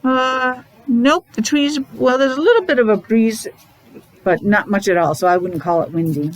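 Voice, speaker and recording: A woman's voice: fairly high pitch, normal speed, soft background music, low-quality recording. A middle-aged woman teaching young children in an interactive morning lesson, using simple repeated phrases, questions and sounded-out letters. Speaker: preschool or special education teacher leading morning meeting.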